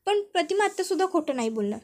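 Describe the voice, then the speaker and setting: A woman voicing a calm, firm young woman who soothes and stands her ground. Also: very high voice, very fast. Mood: firm soothing.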